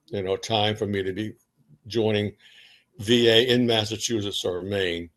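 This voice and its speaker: An older man, a veteran remembering his life in a conversational, rambling, anecdotal way with repeated starts. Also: fairly low pitch. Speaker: interviewee, retired Navy veteran.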